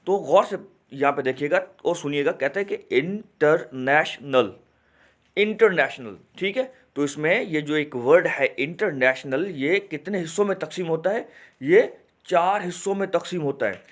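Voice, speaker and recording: A man teaching an online English grammar lesson, repeating words slowly and asking rhetorical questions. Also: a little high, fairly bright tone. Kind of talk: classroom lesson explaining grammar.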